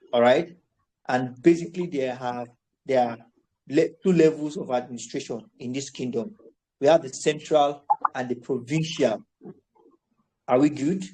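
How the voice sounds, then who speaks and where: A man's voice: mid-range voice, a little mellow, slight background noise, low-quality recording. A man teaching a live voice-chat class. He coaxes and corrects his students and often restarts his phrases. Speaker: tutor.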